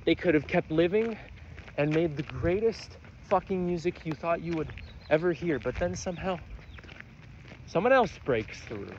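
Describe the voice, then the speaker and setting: A man's voice: a little high, animated, moderate pace, darkish tone, muffled recording, a little hiss or hum. A man rambling through a casual, profane monologue while walking outdoors on roads. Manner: rambling, profane, self-mocking. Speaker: vlogger.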